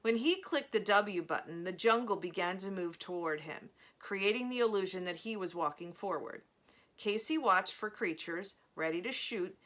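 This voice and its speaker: A woman reading a novel aloud in a slow, measured storytelling manner, with casual asides between chapters. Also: medium pitch, a bit bright. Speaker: reader of a novel.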